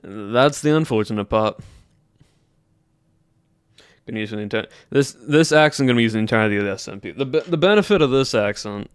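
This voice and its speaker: A man talks casually with his livestream viewers in a loose, put-on Southern American drawl, thinking out loud. His medium-pitched voice is expressive and clean-toned, a little fast, with frequent pauses. The studio-quality recording has no echo.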